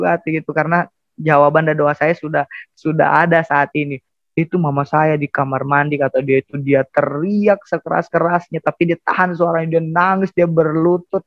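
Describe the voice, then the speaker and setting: A young man, giving an earnest personal testimony and talking haltingly with many restarts. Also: fairly high pitch, no room sound. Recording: dry, dull lo-fi sound.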